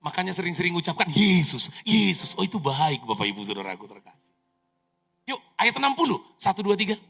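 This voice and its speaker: A man in his thirties preaching an animated sermon as pastor, telling stories dramatically with sound effects and jokes, in a reverberant church hall. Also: high-pitched, fast talker, vocal fry.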